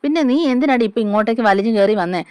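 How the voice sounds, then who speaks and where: A woman's voice: fairly high pitch, lively intonation, fast, a little mellow, clear, resonant tone, no room sound, studio quality, close to an everyday voice. A woman voicing a hot-tempered young woman who harshly scolds a child, in a storybook retelling. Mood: angry scolding.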